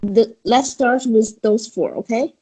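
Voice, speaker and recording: A woman's voice: a little high, measured pace, warm tone, slightly rough, rough recording. A woman teaching a beginner Chinese lesson over a video call, patiently guiding her student with questions. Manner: patient, coaxing, guides with questions. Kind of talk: online language lesson.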